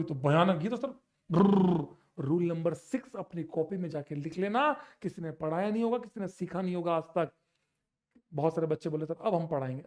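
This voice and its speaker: High-voiced teasing chemistry teacher. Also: male voice. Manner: lively, teasing, mixes Hindi and English. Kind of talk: online exam-prep lecture.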